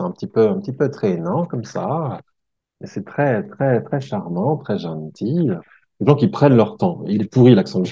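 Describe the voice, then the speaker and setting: A man's voice: fairly low pitch, dark tone, slightly rough. Chatty man telling a trip story. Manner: chatty, many fillers and restarts, addresses listener as "tu vois". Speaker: travel vlogger. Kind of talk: casual storytelling to the viewer. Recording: dull lo-fi sound.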